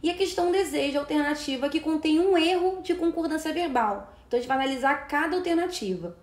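High-voiced Brazilian woman teaching in an echoey room. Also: quick pace. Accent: Brazilian Portuguese. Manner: explanatory, checks in with "né" and "tá". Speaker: Portuguese teacher. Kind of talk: exam-prep lesson. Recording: roomy echo.

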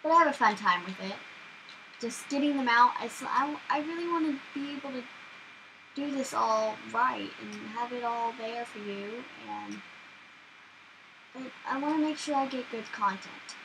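A young woman hosting a gaming channel, chatting casually and excitably while she plays, often startled. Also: fairly high pitch, moderate pace, background noise. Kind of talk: casual gameplay commentary.

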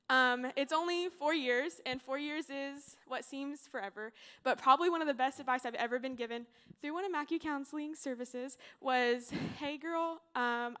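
A woman's voice: a little high, fairly bright tone, smooth. Bubbly nervous young woman speaker. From Oklahoma, USA. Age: young adult. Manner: nervous, bubbly, full of fillers. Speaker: graduating senior speaker. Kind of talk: informal chapel talk.

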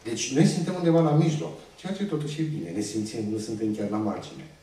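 A mellow, mid-range male voice delivers a sermon in a church hall, asking the congregation questions and then answering them to teach. The mic is distant and the room echoes.

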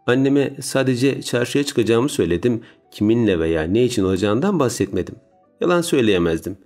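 A man narrating a story in a calm, steady audiobook reading. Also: on the low side. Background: soft music.

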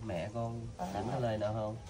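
A man interviewing a child, asking gentle, coaxing questions with many fillers. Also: fairly low pitch, little pitch movement, fairly quick, a crowd in the background. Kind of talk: casual street interview. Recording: outdoor video with noticeable background noise.

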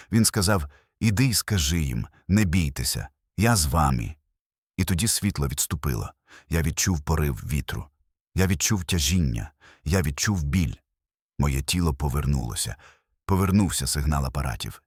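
An older man tells his personal testimony in a very low, husky voice. His delivery is earnest and emotional, with short phrases and a lively rise and fall of pitch. The sound is dry and close. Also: no room sound. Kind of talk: first-person testimony narration.

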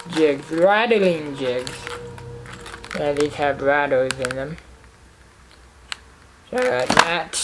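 A young man casually showing off fishing tackle he bought, talking in a halting, rambling way with lots of fillers, recorded at home in his living room. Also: a little high, noisy background. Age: young adult. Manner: rambling, halting, repeats himself with many fillers. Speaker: fishing vlogger. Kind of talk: casual tackle haul show-and-tell.

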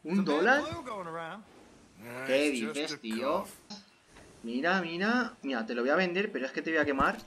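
A young man with a Spain Spanish accent giving casual gameplay commentary, swearing freely and bursting into shouts. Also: on the high side, animated, moderate pace, a crowd in the background. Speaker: gaming youtuber.

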